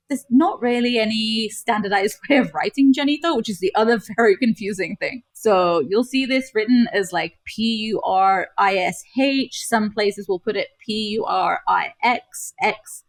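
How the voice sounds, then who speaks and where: A woman's voice: mid-range voice, moderate pace, no echo. A young woman from Gibraltar, a podcast guest explaining things in a chatty way, often using "like" as a filler. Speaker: podcast guest, travel creator. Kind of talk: casual chat.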